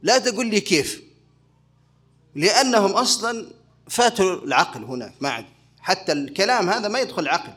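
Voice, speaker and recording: A sheikh delivering a religious lesson in a notably high male voice. He keeps his listeners involved by throwing out questions and answering them himself, building each point in a teaching rhythm. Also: lively intonation, a little fast, pauses often, a bit bright. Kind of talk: religious lecture.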